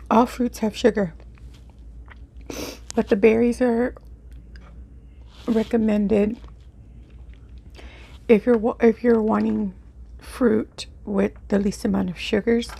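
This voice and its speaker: A woman hosting an eat-with-me video, chatting casually in an unhurried, halting way as she thinks aloud. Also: mid-range voice, vocal fry, mellow, slightly rough. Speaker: mukbang video host. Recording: faint background noise.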